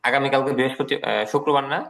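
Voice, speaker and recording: A man's voice: mid-range voice, fairly even intonation, quick pace, gravelly, a crowd in the background. A man with a Bangladeshi Bengali accent teaching an English class, patiently repeating each word and translating it. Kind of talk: online class lecture.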